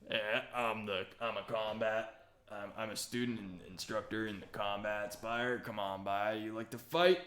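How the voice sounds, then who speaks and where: A man's voice: on the low side, moderate pace, a bit bright, roomy sound, close to an everyday voice. A man voicing a jovial male dwarf, a combat instructor, greeting a newcomer at a gambling table. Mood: hearty. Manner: welcoming, chuckling.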